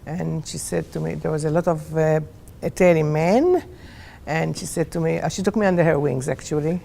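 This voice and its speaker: A woman's voice: low voice, fairly quick, creaky, dark tone. A woman in her eighties with a Maltese accent, casually sharing personal memories in English as a second language. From Malta. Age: 80s. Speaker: club member.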